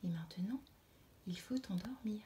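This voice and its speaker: Une femme qui prête sa voix à un papillon doux et mystérieux qui parle à mi-voix, dans un conte. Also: female voice, fairly high pitch, moderate pace, echoey room, slight background noise, natural voice. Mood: mysterious. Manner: hushed, mysterious. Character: mysterious gentle butterfly, soothing.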